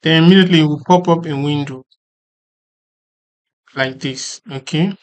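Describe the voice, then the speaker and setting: This tutorial host explains a piece of software informally and one step at a time, at medium pitch and a moderate pace. The delivery is repetitive, with frequent checks that the listener understands.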